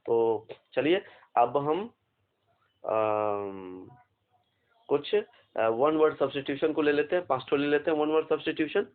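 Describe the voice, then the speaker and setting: A man teaching an exam vocabulary lesson, slowly spelling out words letter by letter and asking questions. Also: fairly high pitch. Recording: phone-like narrow band.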